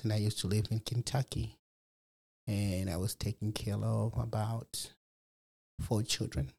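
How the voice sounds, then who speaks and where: Reflecting on his life story during a testimony interview, a program resident guest from Malawi relies on plenty of fillers like "you know." His voice sits on the low side, creaky and slightly rough yet a little mellow.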